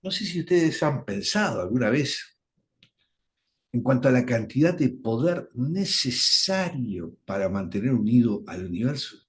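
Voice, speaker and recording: A man leads a radio Bible study. He talks slowly and deliberately, his pitch swinging widely as he leans on the key words. He sounds like a patient teacher explaining point by point. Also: big pitch swings.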